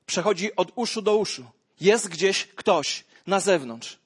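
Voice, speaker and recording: A man preaching a sermon as dramatic storytelling, dropping to hushed lines and rising to loud exclamations. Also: on the high side, breathy edge.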